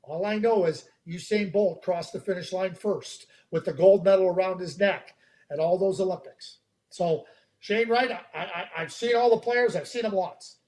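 A man speaking as a hockey draft analyst on a podcast, emphatic and animated, repeating words as he builds a point. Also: high voice, normal speed. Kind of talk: podcast chat.

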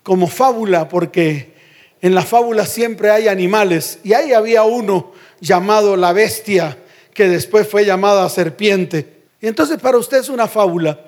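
A man preaching a sermon as pastor, firing rhetorical questions and dropping low for emphasis. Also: moderate pace, a little mellow.

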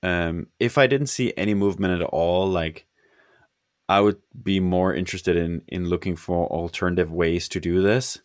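Deep-voiced, tired man talking hesitantly. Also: fairly even intonation, no room sound, studio quality. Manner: hesitant, halting, trailing off. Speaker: software founder on a podcast. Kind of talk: casual conversational talk.

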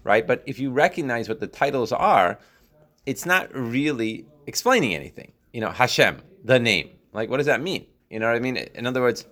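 A Torah teacher gives an informal lesson, reading the religious text line by line and explaining as he goes, repeating and rephrasing and checking in often with "right?". His mid-range voice is animated and a bit bright, at a moderate pace.

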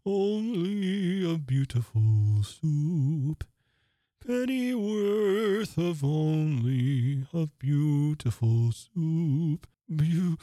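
A gloomy old mock turtle from a storybook, as a reader puts him on, dragging out every word very slowly in a dark, heavy voice. He sounds close and dry, sighing his way through speech and song alike. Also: medium pitch, expressive, no room sound, voice pushed up. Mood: mournful singing. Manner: slow, mournful, drawn-out singing. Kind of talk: storybook reading.

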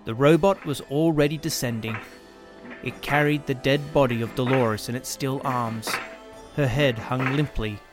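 A man narrating a dramatic science fiction story in a lively, expressive way. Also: mid-range voice, moderate pace, music in the background.

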